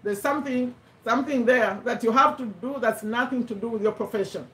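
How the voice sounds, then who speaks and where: A middle-aged woman from Uganda, English not her first language, giving an animated motivational talk and repeating her points for emphasis. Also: a little high, brisk, far from the mic. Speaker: host of a live business talk. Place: home room with a bookshelf, indoors. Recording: echoey room, voice a little off-mic.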